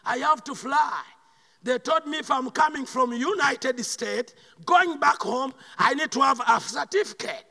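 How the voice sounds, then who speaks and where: A man from Uganda with a Ugandan accent preaching a sermon, swinging between loud shouted bursts and quiet slow asides. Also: very high voice, lively intonation, vocal fry, breathy edge, in a large hall.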